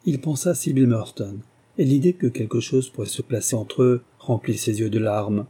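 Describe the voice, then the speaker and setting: Male narrator, measured literary read, deep mellow tone, husky. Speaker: audiobook narrator. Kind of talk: scripted narration.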